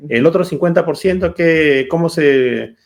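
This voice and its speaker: A man's voice: on the high side, measured pace. Man, motivational coach, emphatic, repeats words, live online talk. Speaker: neuro-coach co-host.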